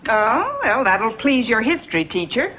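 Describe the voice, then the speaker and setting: A woman's voice: fairly high pitch, big pitch swings, unhurried. An actress playing a cheerful, good-humored mother who teases and reassures her daughter in a 1950s TV sitcom. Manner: light, teasing, reassuring. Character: breezy good-humored mother, teasing, unflappable. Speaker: mother on a trip. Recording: dull old TV soundtrack with hiss and audience noise.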